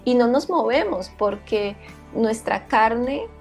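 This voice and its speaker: A woman interviewer reflecting on faith in a calm, teaching tone, often repeating herself. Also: on the high side, slow pace, faint music behind.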